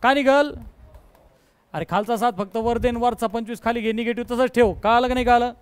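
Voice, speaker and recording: High-voiced Marathi math teacher coaxing a class. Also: male voice, fairly even intonation, brisk, clear, resonant tone. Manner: coaxing, repeatedly checks understanding. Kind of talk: classroom lecture. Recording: noisy classroom recording.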